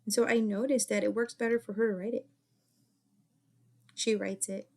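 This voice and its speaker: A middle-aged woman, a former child therapist, giving casual advice in an earnest, repetitive way that often drops to a soft whisper. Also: fairly high pitch, level tone, moderate pace, gravelly. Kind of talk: casual advice talk to camera.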